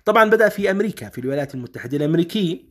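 A man's voice: fairly high pitch, expressive, very fast. A man with a Syrian Arabic accent, presenting for his own publishing house, explaining patiently, repeating key points and speaking straight to the listener.

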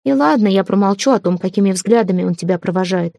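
A woman's voice: medium pitch, quick pace, vocal fry, mellow, dry recording, clean studio sound, natural voice. A woman reading the part of a proud, hot-tempered young prince who turns from irony to stern pleading. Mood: ironic.

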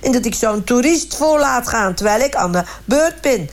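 A woman's voice: a little high, lively intonation, moderate pace. A woman voicing a chatty, self-righteous middle-aged village man who rambles indignantly in a comic radio sketch. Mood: smug. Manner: rambling, indignant, repeats "hartstikke" and "gewoon".

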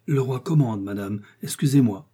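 A man's voice: medium pitch, normal speed, mellow, husky, lightly acted. A man reading the part of an embarrassed royal chancellor, formal and insistent.

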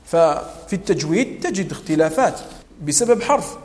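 Teacher guy, lively, checks if students follow, echoey hall sound. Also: high-pitched, moderate pace. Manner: animated, mixes formal Arabic with dialect, demonstrates recitation, quizzes students. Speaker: Quran recitation teacher. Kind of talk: classroom lecture on tajweed rules.

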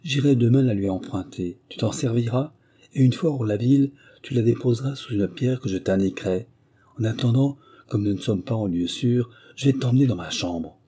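A man's voice: medium pitch, normal speed, mellow, husky, close to an everyday voice. A man voicing a kind-hearted poor young woman in a storybook reading, speaking in a raised, earnest tone.

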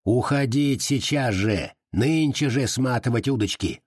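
A man voicing a spiteful, hot-tempered young Cossack in an audiobook reading, with a high, yelping delivery. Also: unhurried, husky, no echo, studio quality. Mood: urgent.

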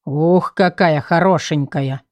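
A woman's voice: deep voice, slow, no room sound, pitched below the performer's own voice. A woman voicing an insolent, leering young male nobleman with a drawling, sneering way of talking.

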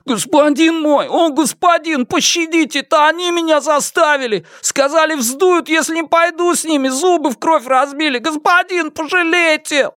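A man voicing a cowardly village man who grovels and begs for mercy in a high, pleading whine. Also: moderate pace, hardly any pauses, fairly bright tone, dry recording, clean studio sound. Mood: begging.

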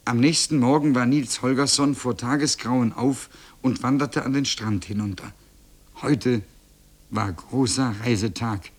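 A man reading a children's classic aloud on radio in a calm, measured storytelling voice. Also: mid-range voice. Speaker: reader.

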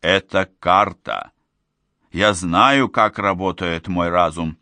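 Guy reading as an earnest young man, urgent and pleading, lowish bright voice, dry audiobook sound. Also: lively intonation, measured pace, no echo, exaggerated voice.

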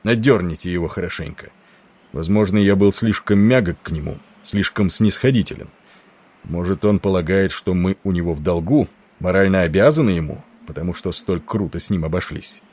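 Male narrator voicing a weary, controlled captain; low, even delivery in an audiobook. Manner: measured, tired, calm commands.

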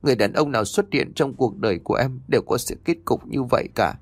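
A man voicing a grief-stricken middle-aged mother with a high, strained wail. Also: animated, quick pace, no echo. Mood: weary grief.

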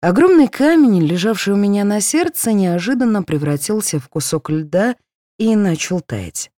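Expressive woman reading a story. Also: medium pitch, normal speed, no room sound, studio quality. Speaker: audiobook narrator. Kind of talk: scripted narration.

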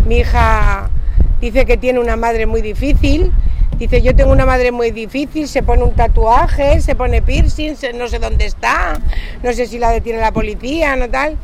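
A woman from Spain, a mother, speaking in a plain, halting way at a public talk. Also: a little high. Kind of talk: casual testimony at a public talk. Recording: noisy live talk recording.

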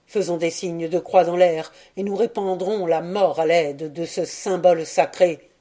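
A woman's voice: fairly low pitch, steady tone, measured pace, dark tone. A woman reading aloud and voicing an angry, scornful young man who speaks with contempt. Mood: furious scornful. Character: young man, furious, bitter, scornful lover.

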